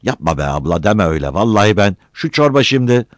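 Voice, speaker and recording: A man voicing a loud, greedy, simple-minded village man with a thick voice. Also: on the low side, big pitch swings, fast, dry recording, clean studio sound, voice pushed up. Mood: wheedling. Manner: shouting, wheedling.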